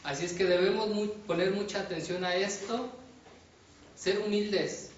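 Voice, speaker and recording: A man with a fairly high voice preaches a sermon, putting rhetorical questions to his listeners and restarting words as he builds his points. He sounds distant from the mic in a very echoey room, with dull sound and faint ambience behind him. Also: steady tone, a little slow, slight background noise.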